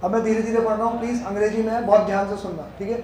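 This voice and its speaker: A man teaching an accounts class, joking with his students and reading the questions out slowly. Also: sits high, flat delivery, a little mellow, a little hiss or hum. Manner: teasing, banters with students, reads questions slowly. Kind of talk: classroom lecture. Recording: echoey classroom.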